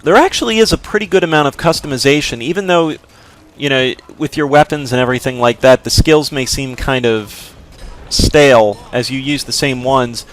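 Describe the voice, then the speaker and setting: This low-quality recording captures a man of medium pitch talking at a moderate pace as he plays through a game. His casual commentary drifts and hedges, loaded with fillers.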